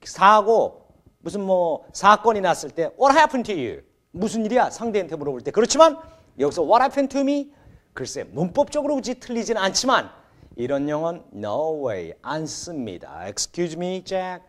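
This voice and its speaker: A man with a high, buoyant voice hosts an English lesson. His pitch leaps up and down as he calls out phrases and explains them with exclamatory energy. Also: measured pace. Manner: energetic, exclamatory, switches between Korean and English drills. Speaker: host of an English lesson show. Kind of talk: animated TV lesson presenting.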